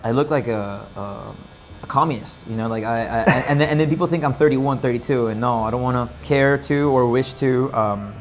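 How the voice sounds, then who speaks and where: A man's voice: mid-range voice, brisk, a little hiss or hum. A man in his twenties chatting casually and rambling with self-assurance, filling gaps with fillers as he talks. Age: 20s. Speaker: interviewee. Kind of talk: casual chat.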